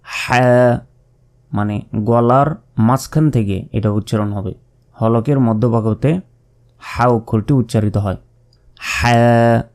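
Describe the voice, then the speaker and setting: In a slow, step-by-step pronunciation lesson, a man teaches Arabic letters, drawing out and repeating each sound with patient explanations. His voice is mid-range and mellow.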